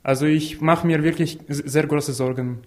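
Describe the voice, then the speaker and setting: A man of twenty-two, speaking earnestly and haltingly as an interview guest, with small slips in his grammar. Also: on the high side, fairly even intonation, darkish tone. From Ukraine. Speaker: interview guest, law student. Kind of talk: personal interview talk.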